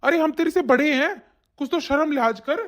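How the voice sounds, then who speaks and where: A woman's voice: high-pitched, a little fast, close to an everyday voice. Woman plays cartoon young husband: firm, protective, soothing, lightly raised voice. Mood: scolding. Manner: reassuring, firm. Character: young husband, calm and protective of his wife. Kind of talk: animated family drama dubbing.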